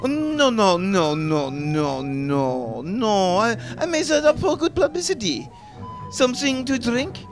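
A man's voice: high voice, very animated, measured pace. A man playing a haughty, petty waiter with a French accent in a comic audio drama, pompous and disdainful. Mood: sniffy. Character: snobbish, haughty restaurant waiter, contemptuous and petty. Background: music.

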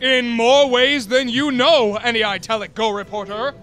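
A man's voice: very high voice, fairly even intonation, normal speed, pushed and bright. A man playing a self-important, gallant suitor in a comic audio drama, with a pompous, theatrical way of talking. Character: flamboyant, self-important, alliterating gentleman suitor on a date. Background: music.

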